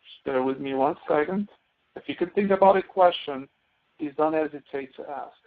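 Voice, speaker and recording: Through narrow audio that sounds like a phone line, a man explains a live software tutorial step by step as a course instructor. His voice is a little high and he speaks at normal speed.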